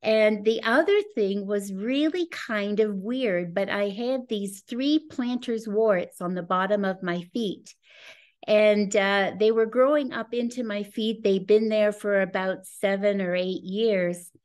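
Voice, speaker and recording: A woman in her sixties, mid-range and slightly dark in tone, speaks unhurriedly as she presents a business opportunity in an earnest, enthusiastic webinar with a personal testimonial. She's on a video call webcam from a room at home with a scenic backdrop.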